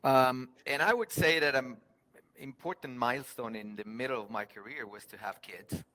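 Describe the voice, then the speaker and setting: A man's voice: medium pitch, normal speed, sharp tone, no echo. A man from Argentina, talking earnestly as a guest about his working life. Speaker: podcast guest, HR professional. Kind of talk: conversational interview.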